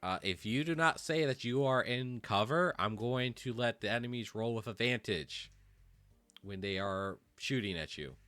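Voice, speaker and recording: A man running a tabletop game as game master, talking casually and haltingly with many fillers. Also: medium pitch, lively intonation, a bit bright, dry recording.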